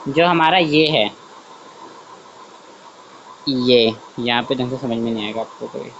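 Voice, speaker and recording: A man with a mid-range, fairly bright voice speaks at a measured pace on a muffled recording with slight background noise. He's a science teacher giving an online class in a chatty way, thinking aloud while drawing and saying "theek hai" again and again. He corrects himself and asks the students whether they've understood.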